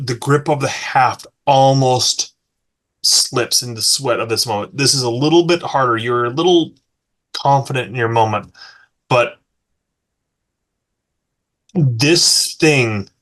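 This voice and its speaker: A man in a middle register runs the table as game master. He narrates the fight quickly, stumbling over restarts and fillers as he goes. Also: medium pitch, a bit bright. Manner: fast, halting with many fillers and restarts.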